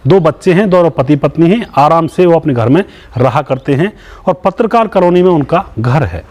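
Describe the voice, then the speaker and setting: Male channel host, somewhat high voice, narrates a true crime case straight to the audience, keeps calling them friends and moralizes. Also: lively intonation, moderate pace, a little mellow. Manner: keeps addressing viewers as friends; moralizing, asks viewers for opinions. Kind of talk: retelling a true crime story to viewers.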